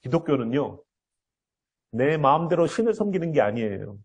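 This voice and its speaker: A man's voice: fairly high pitch, big pitch swings, moderate pace, slightly rough. A male pastor preaching an earnest sermon, often acting out the voices he quotes.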